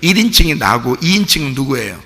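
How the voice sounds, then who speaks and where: A male pastor preaching a sermon in a lively, animated way, firing rhetorical questions at his congregation and breaking into shouts. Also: medium pitch, fast, long reverb tail. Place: church sanctuary.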